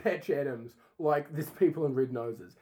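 A man co-hosting a casual comedy chat, a little tipsy from wine, pitching a ridiculous movie idea with mock seriousness and frequent laughter. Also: normal speed, dark tone. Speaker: podcast co-host.

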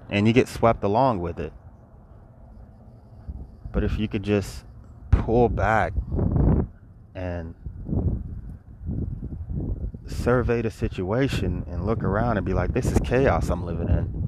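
Male, low register, earnest repetitive spiritual talk, recorded outdoors. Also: a little slow, pauses often. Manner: earnest, preachy, repeats phrases. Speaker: vlogger. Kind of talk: spiritual monologue. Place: outdoors by a road. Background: passing cars and wind.

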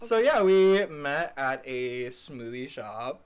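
A man's voice: medium pitch, sing-song, takes it slowly. A man in his early twenties co-hosting a casual podcast, talking in a sassy, playful way full of slang. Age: 20s. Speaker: podcast co-host. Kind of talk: casual chat.

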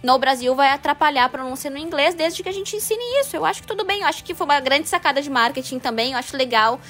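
A woman's voice: sits high, animated, fast talker, fairly bright tone. A Brazilian woman who teaches English, laying out her reasoning earnestly in a casual chat. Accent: Brazilian Portuguese.

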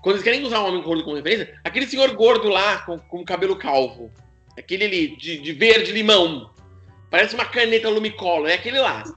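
A man with a high, bright voice rattles off comic stories in casual chat. He acts out the people in his tales as he goes. Faint music plays underneath. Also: quick pace. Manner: animated storyteller, acts out quotes.

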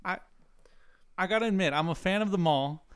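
A man's voice: brisk, clean tone. A young man chatting casually and joking around, telling stories with playful exaggeration. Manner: joking, animated storyteller who puts on a squeaky kid voice. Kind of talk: casual chat.

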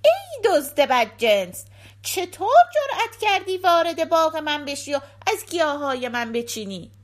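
A cruel old storybook witch, put on by a woman reader cries out in a high, shrill voice. Her pitch leaps about as she gloats, loud and pleased with her own wickedness. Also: very animated. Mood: angry.

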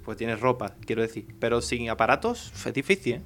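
A man's voice: mid-range voice, expressive, brisk, fairly bright tone, a little hiss or hum. Rambling man, casual chat. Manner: rambling, says "tío" often. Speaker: podcast co-host.

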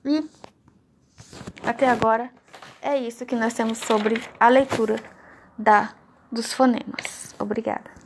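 A woman's voice: fairly high pitch, steady tone, a little slow, long pauses, slight background noise. A woman with a Brazilian Portuguese accent, reading her study summaries aloud as word lists and short definitions, one item at a time. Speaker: student reading study notes.

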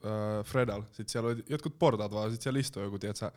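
A man co-hosting a podcast, telling stories in lively slang. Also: on the low side. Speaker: podcast co-host. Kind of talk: casual podcast chat.

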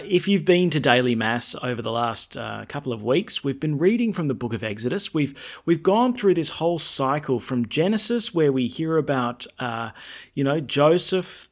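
A man speaking as a priest at Mass, in the style of Gospel reading and homily. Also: mid-range voice.

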